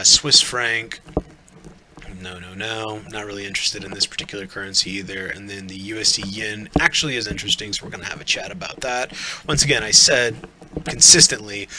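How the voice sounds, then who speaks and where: A man hosting a live trading stream, casually thinking aloud through charts with lots of fillers and restarts. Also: lowish voice. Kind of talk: live forex chart walkthrough. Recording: noisy live stream audio.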